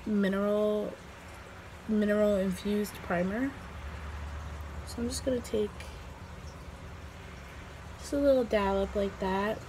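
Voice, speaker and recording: Female beauty vlogger, mid-pitched and unhurried, slightly hoarse, informal rambling tutorial delivery, clear background noise. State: slightly hoarse, recovering from lost voice. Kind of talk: casual makeup tutorial chat.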